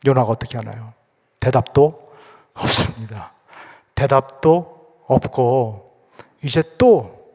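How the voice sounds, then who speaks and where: A man's voice: medium pitch, darkish tone. A male pastor preaching a sermon, asking rhetorical questions and repeating phrases for emphasis. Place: church sanctuary. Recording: echoey church hall.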